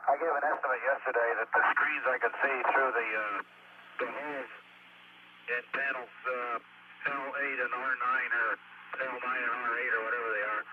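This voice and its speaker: A man's voice: mid-range voice, fairly even intonation, moderate pace. Astronaut guy on a crackly radio link, far off and muffled, lots of hiss. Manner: plain matter-of-fact reporting. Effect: crackly air-to-ground radio link. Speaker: astronaut in orbit. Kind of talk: mission radio exchange. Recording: distant muffled radio with loud static.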